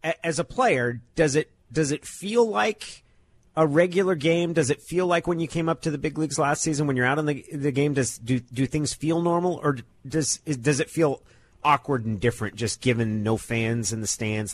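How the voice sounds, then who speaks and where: Halting male radio interviewer. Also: on the high side. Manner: halting, restarts questions. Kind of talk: interview questions.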